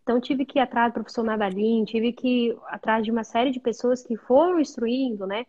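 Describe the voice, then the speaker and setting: Woman, mother, chatty, explanatory, slightly high voice, dull recording. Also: brisk, a little mellow. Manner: chatty, explanatory, frequent tag questions. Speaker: guest mother. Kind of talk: casual conversation.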